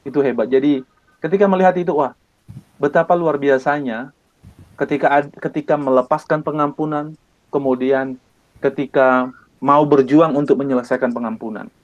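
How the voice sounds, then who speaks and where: A man from Indonesia, an evangelist, telling his personal testimony in an earnest way, with many pauses and repeated phrases. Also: medium pitch, fairly even intonation, dull audio. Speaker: evangelist guest.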